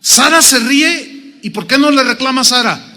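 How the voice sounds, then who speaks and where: A man with a Mexican accent preaching a sermon as pastor, humorous and animated, acting out little dialogues. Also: very high-pitched, moderate pace. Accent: Mexican Spanish. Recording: long reverb of a big hall.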